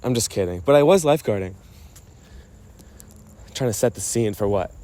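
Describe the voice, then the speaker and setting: In a loose, personal voice memo addressed to a friend, a man spins stories with playful self-mockery, frequently breaking off and losing his thread. His fairly low voice is mellow, with lively intonation at a normal speed.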